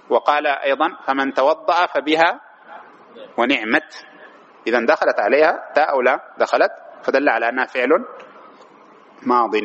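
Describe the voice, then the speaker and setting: A man's voice: mid-range voice, a bit bright. A man teaching an Arabic grammar lesson, quizzing students with rhetorical questions. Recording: dull lo-fi classroom recording with faint noise.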